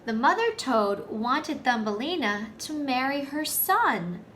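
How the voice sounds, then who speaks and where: A teacher with a high-pitched, fairly bright voice tells a story to young children, with big swings in pitch. She speaks slowly in simple, deliberate phrasing aimed at small kids and asks her listeners questions, with faint noise behind her.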